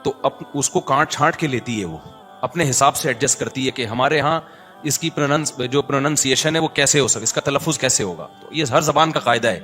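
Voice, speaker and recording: A man with a Karachi Urdu accent giving a religious lecture, moving between chanted recitation and chatty, animated asides. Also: medium pitch, soft background music. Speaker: preacher.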